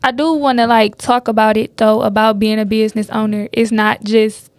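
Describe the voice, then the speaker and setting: Mid-pitched woman host, steady and guiding, dry close sound. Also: moderate pace, no echo. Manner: steady, guides the conversation with questions. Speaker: podcast host. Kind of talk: hosting a casual podcast.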